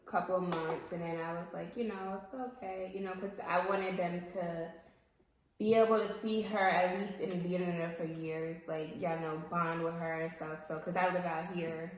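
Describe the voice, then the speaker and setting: Young woman host, casual rambling chat, lowish voice, very echoey room with faint ambience. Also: slight background noise. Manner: rambling, chatty, full of fillers. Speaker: channel host. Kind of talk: casual chat over a meal.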